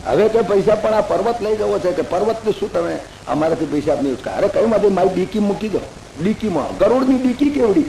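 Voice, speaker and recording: A man giving a religious discourse as a lively folk story, acting out the characters' lines. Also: sits high, a little fast, creaky, reverberant, a little hiss or hum, rough recording. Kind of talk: Bhagavata discourse retold in folksy everyday terms.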